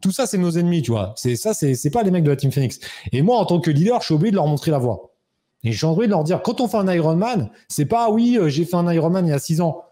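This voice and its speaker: A man in his thirties telling a personal story as an interview guest, animated and acting out quoted dialogue. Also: fast. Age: 30s. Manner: animated, acts out quoted dialogue with raised pitch. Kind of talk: casual storytelling.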